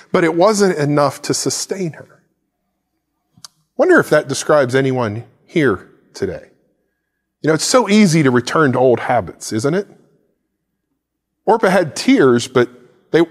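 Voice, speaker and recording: A slightly high male voice rings out in a large hall. It belongs to a pastor in his forties who preaches to camera from a church stage set with plants and a cross, a Bible in his gesturing hand.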